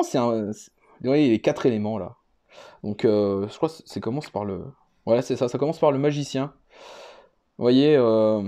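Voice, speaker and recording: A vlogger with a slightly high, mellow voice shows off his card collection in a casual, unscripted show-and-tell. He speaks hesitantly and rambles, often repeating himself.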